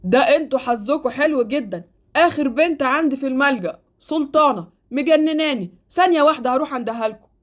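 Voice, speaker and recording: A woman's voice: high voice, quick pace, lightly acted. Woman doing a sleepy old Egyptian orphanage keeper. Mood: fussing. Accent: Egyptian Arabic.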